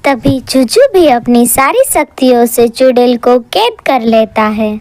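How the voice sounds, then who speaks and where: A woman narrates a cartoon horror tale with lively, scripted storytelling. Her high voice swings widely up and down, recorded close and dry. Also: a little slow, no room sound.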